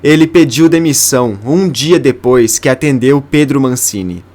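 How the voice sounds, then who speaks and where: A man's voice: mid-range voice, moderate pace, a little mellow, pitched above the performer's own voice, close to an everyday voice. Brief: man voicing hospital receptionist, woman, businesslike and curt. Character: woman hospital receptionist, brisk and matter-of-fact.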